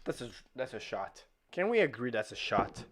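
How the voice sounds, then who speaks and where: Drunk livestreamer, swinging wildly in pitch. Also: normal speed, noisy background. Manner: drunk, getting drunker, rambling and swearing; excitable, bursts into shouts. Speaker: livestream host. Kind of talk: casual livestream commentary on a tank documentary.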